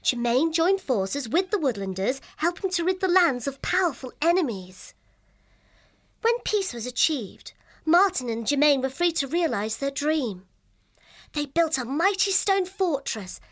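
A woman voicing a gentle, kind young female hare who tells stories in a well-spoken way. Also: high voice, exaggerated voice.

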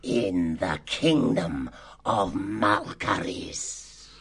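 Man as Slagar, a gravelly, cruel fox. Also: mid-range voice, lively intonation, slow pace, a bit bright, heavily acted. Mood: gloating, vengeful. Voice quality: gravelly, husky. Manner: sarcastic, menacing, boastful. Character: cruel, cunning male fox slave-gang chief. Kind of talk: dramatised audiobook character acting.

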